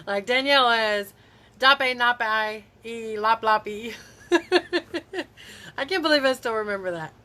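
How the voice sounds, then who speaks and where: A woman from Tennessee talks into her phone on a home live stream. She chats in a rambling, friendly way and answers her viewers as she goes. Her voice is bright and forward, with a faint hiss of room noise behind it. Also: mid-range voice. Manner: chatty and rambling, laughs often, reacts to viewer comments. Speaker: beauty vlogger hosting a live stream. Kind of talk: casual live-stream chat.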